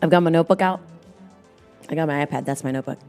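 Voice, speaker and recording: A woman's voice: deep voice, racing, darkish tone, soft background music. Chatty woman co-hosting. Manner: chatty and playful. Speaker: co-host. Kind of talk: casual show chat.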